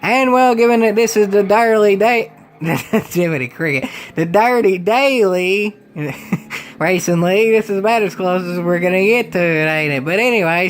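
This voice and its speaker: High-voiced man in a put-on country drawl. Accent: put-on exaggerated country drawl. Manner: folksy, playful, full of hokey sayings and teasing asides. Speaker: race commentator for a video game racing league. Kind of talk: sim-racing play-by-play commentary.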